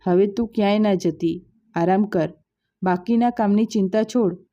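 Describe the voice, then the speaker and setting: A calm, caring older father from a storybook, as a woman narrator voices him. He speaks gently, in a mellow, dark tone with a slightly dull sound. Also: mid-range voice, moderate pace, natural voice.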